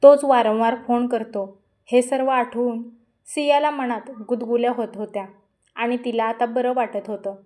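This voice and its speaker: A woman narrating a gentle, emotional family story in a scripted storytelling style, speaking the dialogue softly. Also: a little high, steady tone, moderate pace.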